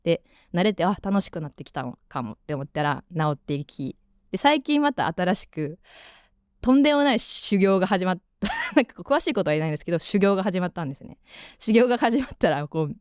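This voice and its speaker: A woman's voice: lowish voice, big pitch swings, a little fast, darkish tone, clear, resonant tone, no room sound, studio quality. A young woman in her twenties with a Kansai accent, chatting casually as a radio host and rambling through lots of fillers.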